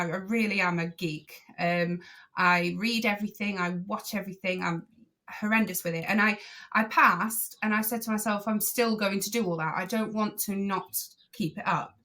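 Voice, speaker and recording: A woman guest on a podcast, a driving instructor trainer, telling her story in a casual, animated way and acting out what people said. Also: mid-range voice, normal speed. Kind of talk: casual interview chat.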